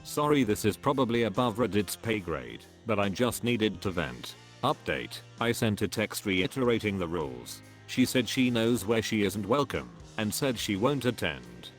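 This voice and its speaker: Low-voiced male story narrator. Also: sing-song, moderate pace, hardly any pauses, faint music behind.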